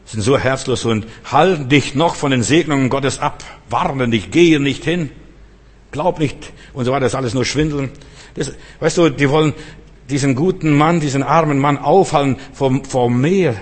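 A man preaches with fervor, turning to his listeners again and again and hammering phrases through repetition. His voice is somewhat husky, with a middling pitch. It carries with a long reverb through a church hall. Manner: fervent, addresses listeners directly with repeated "weißt du"; repeats phrases for emphasis, some stumbles. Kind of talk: sermon.

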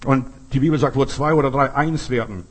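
A man preaching a sermon who talks to his listeners directly, swinging between emphatic bursts and slow, quiet lines. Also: mid-range voice, slightly rough. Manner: addresses listeners directly with "weißt du" and "verstehst du".

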